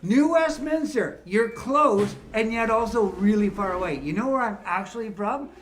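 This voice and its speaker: Between songs, a musician in his fifties from Ontario, Canada, cracks jokes and teases his senior audience. He speaks at a normal speed in a high, fairly bright voice with lively intonation, and there's slight background noise.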